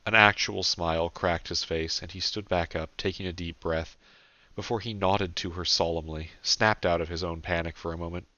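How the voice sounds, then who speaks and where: Male author-narrator, deep bright voice, earnest, dry close lo-fi recording. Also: steady tone, moderate pace, dry recording. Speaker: author narrating his own novel. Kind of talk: audiobook narration.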